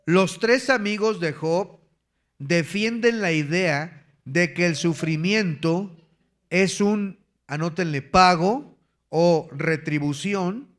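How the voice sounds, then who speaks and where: A man's voice: high-pitched, takes it slowly, fairly bright tone. A man with an Ecuadorian Spanish accent preaching a sermon, teaching verse by verse and dictating numbered points for the congregation to write down. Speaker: pastor.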